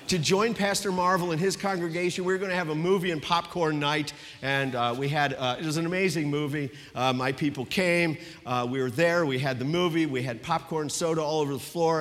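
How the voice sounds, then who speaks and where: A male pastor delivers a storytelling sermon, his voice sitting a little high for a man. He sinks to a hushed tone for the personal moments. The sound carries a long reverb, as in a church hall.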